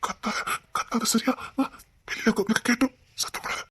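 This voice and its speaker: A woman voicing a young husband who is gentle and coaxing with his pregnant wife, in an amateur audio drama. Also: fairly high pitch, brisk, breathy edge. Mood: anxious. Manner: gentle and coaxing, turning frantic. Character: young husband, tender and anxious.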